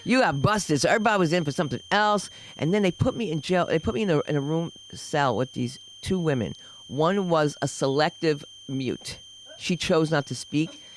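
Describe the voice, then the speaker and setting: Animated older woman comic. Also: sits low, moderate pace, slight background noise, low-quality recording. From Dominican heritage. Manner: animated, shifts voices for characters, exclamatory. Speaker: stand-up comic. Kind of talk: stand-up storytelling. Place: comedy club open mic.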